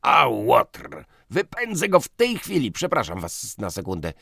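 A quarrelsome, shouting editor, put on by a male audiobook reader. His voice jumps high and swings wildly as he fumes in rapid bursts. The sound is close and dry, with no room around it. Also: big pitch swings, dry recording. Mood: blustering, indignant. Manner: shouting, indignant, rapid outbursts. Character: blustering quarrelsome man, newspaper editor. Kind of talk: audiobook character voice.

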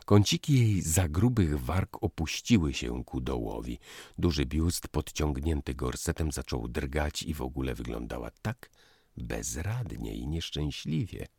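A man narrating a novel in lively, expressive scripted storytelling. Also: a bass voice, measured pace, creaky, husky, no room sound, studio quality. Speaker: audiobook narrator.

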